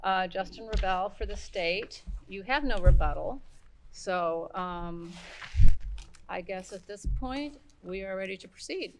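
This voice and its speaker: A woman's voice: medium pitch, unhurried, poor audio. Woman presiding judge, faint background noise. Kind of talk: informal courtroom remarks from the bench.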